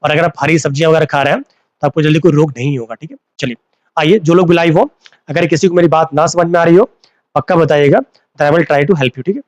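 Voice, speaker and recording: A man with a fairly high voice teaches a live online class at a fairly quick pace, recorded dry on a phone. He repeats key terms back to his students as questions and mixes in English.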